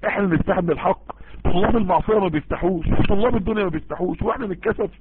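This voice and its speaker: A man's voice: high-pitched, very fast, noisy background. A man with an Egyptian accent preaching and giving religious advice, earnest and emphatic, often repeating himself to drive a point home. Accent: Egyptian Arabic. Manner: earnest, emphatic, addresses listeners directly and repeats for stress. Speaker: preacher answering listener messages. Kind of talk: informal Islamic sermon and advice. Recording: tinny phone-like line.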